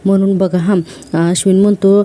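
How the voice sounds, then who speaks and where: Dark, flat-voiced woman recapping a serial. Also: mid-range voice, normal speed. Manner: retells scenes step by step with frequent filler words. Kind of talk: casual episode recap narration.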